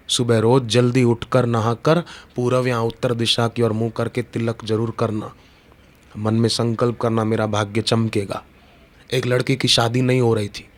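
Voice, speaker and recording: A middle-aged man giving a devotional sermon, telling stories and drawing out sung verses slowly. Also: mid-range voice. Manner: slow, drawn-out sung verses between storytelling. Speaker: spiritual preacher. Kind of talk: devotional satsang discourse.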